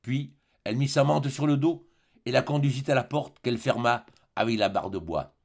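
A man's voice: medium pitch, moderate pace, vocal fry. A man reading a classic novel aloud as a volunteer audiobook narrator, telling it expressively. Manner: expressive storytelling. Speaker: audiobook reader. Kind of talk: scripted narration.

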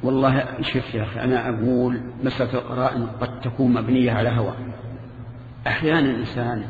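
Older male teacher, casual lecture tone full of restarts, mid-pitched, recorded lo-fi in a reverberant hall. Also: steady tone, a little hiss or hum. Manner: conversational, with halting restarts and questions to the audience. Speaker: Islamic scholar teaching a lesson. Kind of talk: religious lecture with questions from students. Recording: echoey hall, muffled lo-fi archive tape.

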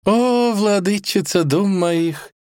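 A man doing a grandiloquent genie with a lifted, slow, drawn-out voice. He speaks with theatrical flourish and smug self-assurance. It is a storybook villain in a fairy tale reading, recorded dry and close. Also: high voice, darkish tone, no room sound, voice pushed up. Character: grandiloquent male genie, smug shape-shifter.

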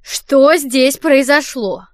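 A woman voicing a stern, intimidating male hotel director who speaks slowly and deliberately. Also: high voice, no room sound, studio quality, voice pushed up. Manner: slow, deliberate and clipped. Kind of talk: audiobook character voice.

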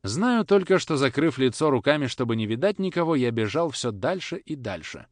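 A man narrating an audiobook in a measured, expressive reading. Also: medium pitch, no room sound. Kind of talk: scripted narration.

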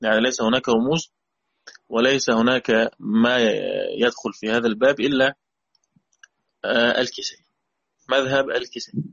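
A man's voice: medium pitch, flat delivery, brisk, long pauses, fairly bright tone, lo-fi sound. A man with an Egyptian Arabic accent teaching a Quran recitation lesson, patiently repeating key points and putting questions to his students. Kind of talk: explanatory lesson.

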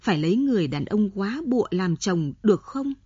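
A woman reading an audiobook, voicing a clever grown daughter who argues her point calmly and persistently. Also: medium pitch, brisk, breathy edge, no echo, lo-fi sound. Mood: arguing calmly. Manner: calm, reasoning, persistent.

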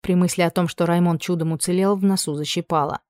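A woman narrating a romantic fantasy novel in a calm, measured way. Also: lowish voice, dry recording, clean studio sound. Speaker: audiobook narrator. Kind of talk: scripted narration.

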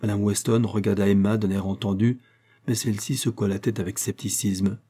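Male narrator, classic novel audiobook, warm husky tone, measured delivery. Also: fairly low pitch, level tone.

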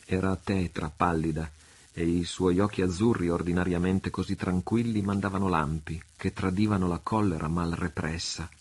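A man reads a classic adventure novel aloud with expressive, theatrical pacing. His voice sits very low and carries a husky grain. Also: moderate pace. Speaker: narrator. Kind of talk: literary audiobook narration.

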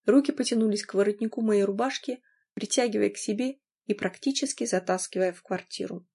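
A woman narrating a first-person audiobook in a dramatic, expressive way. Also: medium pitch, fairly quick, creaky, slightly rough.

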